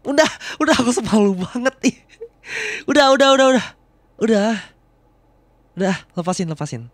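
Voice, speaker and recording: A young man voicing a younger male student, a rough former bully who has become a protective boyfriend, in an ASMR role-play. He repeats short words again and again to coax and calm. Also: on the high side, unhurried, dry recording. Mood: flustered. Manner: repeats words to soothe, coaxing and reassuring. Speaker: voice actor.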